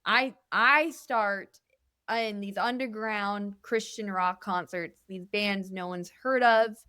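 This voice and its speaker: A young woman with a smooth, clear voice talks openly as a podcast guest. Her speech is earnest and meandering, full of little fillers and restarts. The sound is dry and close, with no room echo. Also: medium pitch, steady tone, takes it slowly, bright, forceful tone. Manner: candid and earnest, rambling with many fillers. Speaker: guest musician. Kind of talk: casual podcast interview. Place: indoor podcast studio.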